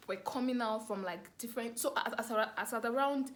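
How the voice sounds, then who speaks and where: Speaking a little fast in a fairly high pitch, a young adult woman with a Nigerian accent recounts a personal story to camera. The vlogger and storyteller keeps it casual and expressive and repeats phrases to stress her points.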